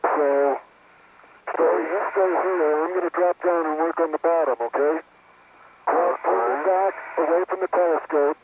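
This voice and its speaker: Man, working astronaut, higher-pitched task talk on tinny, hissing astronaut radio. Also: unhurried. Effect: space-to-ground radio. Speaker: spacewalking astronaut. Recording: tinny noisy spacesuit radio link.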